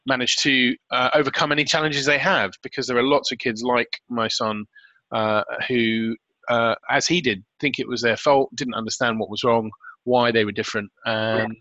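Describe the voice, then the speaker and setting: Bright-voiced male podcast host, dry sound. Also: medium pitch, steady tone, normal speed, dry recording. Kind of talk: conversational podcast interviewing. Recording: dry, slightly dull lo-fi audio.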